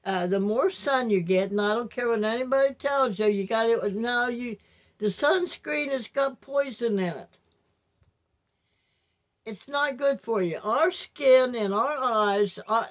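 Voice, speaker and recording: Slow-talking older woman, toothless speech. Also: fairly high pitch. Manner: rambling, reflective, halting. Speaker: vlogger. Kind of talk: casual personal monologue to viewers.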